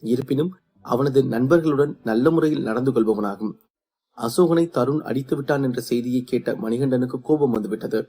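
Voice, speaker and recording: A man reads a serialized fantasy story aloud in a steady, even way. His voice is dark and mellow with a husky texture. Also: mid-range voice, moderate pace. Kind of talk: scripted story narration.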